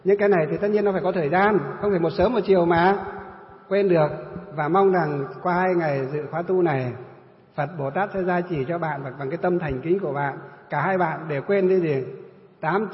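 Monk giving a sermon in a long-reverb hall; high-pitched man, asks and answers his own questions; dull lo-fi recording. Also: fairly quick. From northern Vietnam. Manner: asks the audience questions and answers them himself. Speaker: Buddhist monk teacher. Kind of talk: dharma talk sermon. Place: temple hall during a retreat. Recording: roomy hall, dull lo-fi sound.

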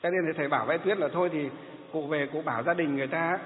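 A male Buddhist monk, telling a story in a sermon in an animated way and repeating his phrases. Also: fairly high pitch, racing. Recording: tinny phone-like sound in an echoey hall.

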